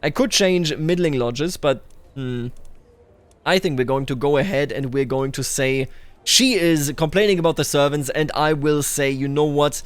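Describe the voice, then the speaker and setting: A gaming video host gives casual roleplay commentary on a strategy game, thinking out loud and speaking directly to the characters. His smooth voice is a little high and moderately paced, captured in a dry recording.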